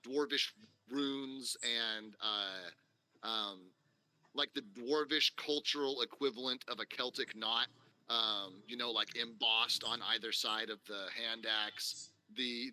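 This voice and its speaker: Man, dungeon master, tabletop game narration, bright voice, rambling with fillers. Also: medium pitch.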